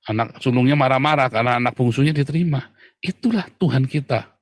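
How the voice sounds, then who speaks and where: A man preaching a sermon in a lively way, often turning to address the congregation directly. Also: mid-range voice, fast, dry recording, clean studio sound. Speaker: pastor.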